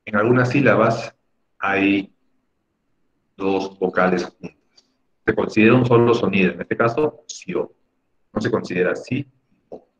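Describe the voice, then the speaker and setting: A man teaching an online class, explaining patiently and often checking in with "¿no?". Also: medium pitch. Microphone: video call microphone. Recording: dull lo-fi video call audio.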